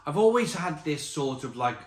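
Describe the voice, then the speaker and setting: A British man with a fairly high-pitched, very lively voice gives a casual snack review as he eats. He is chatty and emphatic, often repeating himself. The room is echoey. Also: normal speed. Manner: talks while tasting and eating crisps. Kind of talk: casual spoken review to camera. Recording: roomy echo, faint background noise.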